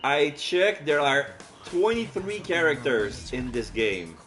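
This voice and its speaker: A man's voice: a little high, very animated, takes it slowly. A man playing a game, giving casual commentary and reading its text aloud. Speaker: game streamer. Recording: loud music and rain behind voice. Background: game music and rain sounds.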